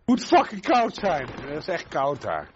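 A man's voice: a little high, huge pitch swings, normal speed. A man from the Netherlands with a Dutch accent, squad leader in an online shooter, teasing, insistent and swearing as he switches between English and Dutch in game voice chat. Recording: dull lo-fi voice chat with faint noise.

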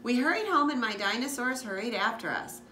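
Reading a picture book to children from a living-room couch, a woman who works as a school librarian speaks a little fast in a higher voice. She's expressive and talks to her listeners in asides, over an echoey room with background noise.

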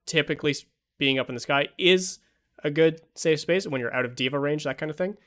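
A young man acts as a coach reviewing an esports match, thinking aloud with plenty of fillers on a home streaming mic. His somewhat high, slightly bright voice runs a little fast and sounds tired from hours of streaming.

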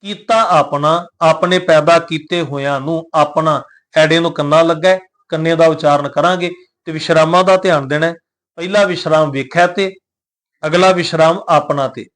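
A man with a fairly high voice gives a recitation lesson. He chants verses slowly and measuredly. Between the verses he explains pronunciation patiently and repeats each point. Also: fairly even intonation, a bit bright. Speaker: scripture teacher.

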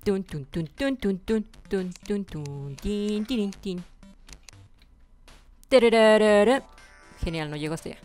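A woman's voice: medium pitch, expressive, normal speed, hardly any pauses, mellow, soft background music. A woman hosting a casual game playthrough, humming little sound effects and chatting to the creatures on screen. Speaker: gameplay host. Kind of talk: casual let's-play commentary.

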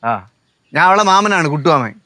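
An actor playing a sensible uncle who scolds and reasons with family members. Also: male voice, a little high, expressive, normal speed, bright, forceful tone. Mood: scolding. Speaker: maternal uncle. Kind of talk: sitcom acting.

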